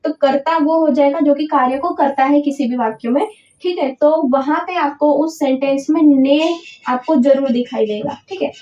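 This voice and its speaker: A woman with a high voice gives an exam-prep grammar lesson and keeps asking whether the class follows. She drops English words into her explanations and spells her examples out word by word. The sound is echoey and a little muffled. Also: moderate pace, mellow, far from the mic. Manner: repetitive, checks understanding with frequent "thik hai" and "hai na"; mixes English words into Hindi. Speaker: Hindi grammar teacher. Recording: echoey room, dull lo-fi sound.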